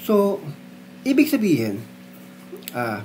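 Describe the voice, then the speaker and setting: A man's voice: high voice, huge pitch swings, slow, a little mellow, a little hiss or hum. A man explaining philosophy in a casual, conversational way, often checking in with his listeners. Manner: conversational, frequent tag questions and fillers. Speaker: philosophy lecturer.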